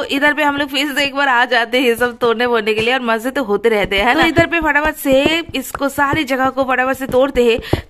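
A woman hosting her gaming channel, chatting casually and excitably as she plays and narrates. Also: high voice. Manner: chatty, excitable, swears when things go wrong. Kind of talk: casual gameplay commentary.

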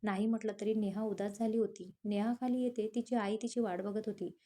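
A woman narrating a romantic story, reading in a steady, even way. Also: mid-range voice, a little fast.

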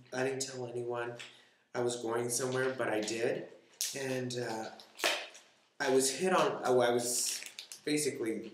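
A man's voice: on the low side, slight background noise. A man talking casually to his viewers in a vlog, rambling with many fillers and restarts. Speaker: vlogger. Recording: echoey room.

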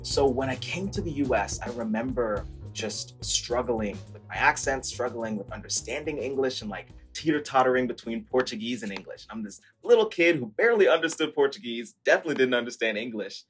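A Brazilian-born man in his twenties tells stories about his life as a startup founder, speaking earnestly and articulately as a guest on a video call from his living room. His mid-range voice is a bit bright with lively intonation, brisk and with few pauses, picked up by an earphone headset mic over soft background music.

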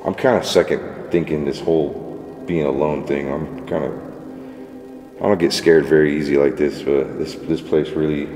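Low-voiced uneasy man in echoing halls. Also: steady tone, a little mellow, soft background music. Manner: uneasy, halting. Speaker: paranormal explorer and vlogger. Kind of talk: nervous night vlog, casual chat. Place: dark empty prison interior at night. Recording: echoey empty prison halls, faint noise.

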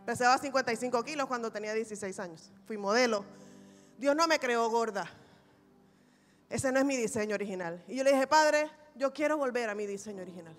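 A woman pastor preaching a sermon, telling a personal testimony in an animated, humorous way. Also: fairly high pitch, brisk, soft background music. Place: large church hall. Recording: reverberant church hall recording.

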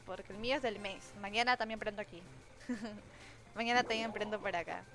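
Her voice is medium-pitched with fairly even intonation and a moderate pace as she streams a game from home. The young woman chats casually, reads viewers' messages aloud and thanks them, often giggling. Game music comes through clearly in the background.

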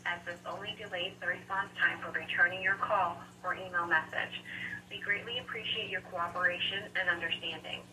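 A woman's recorded phone message, announcing menu options in a slow, polite, scripted way. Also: medium pitch, sharp tone. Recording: distant noisy phone line.

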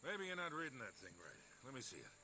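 An actor playing a wry, roguish older male treasure hunter in a video game, with a gruff storytelling manner. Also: medium pitch, wildly swooping pitch, fast, bright, forceful tone, a little hiss or hum, heavily acted. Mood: skeptical.

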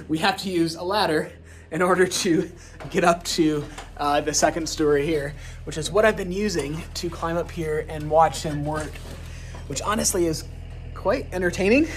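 A man with a voice on the high side vlogs casually to camera at an outdoor building site while renovating a stone cabin. He thinks aloud at a moderate pace and asks his viewers questions. The handheld camera mic picks up a little hiss or hum.

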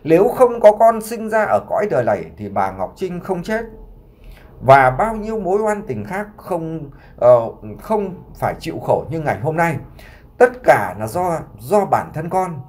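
A man's voice: on the high side, sing-song, moderate pace, a little mellow, pitched above the performer's own voice. A man voicing a dying young son, pleading. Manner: earnest, pleading. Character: gravely ill young man pleading for forgiveness.

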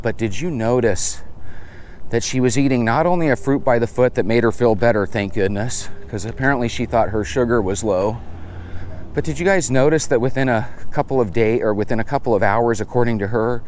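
A man's voice: mid-range voice, brisk. A middle-aged man chatting casually and rambling along unhurriedly to his viewers while walking outdoors on a lapel mic. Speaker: host of a diet vlog. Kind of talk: casual chat to camera. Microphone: clip-on lapel mic with furry windscreen. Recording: outdoor street ambience, passing vehicle noise.

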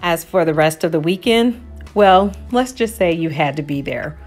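A woman giving a measured, friendly voice-over narration for a camping vlog. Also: on the low side, animated, darkish tone, faint music behind.

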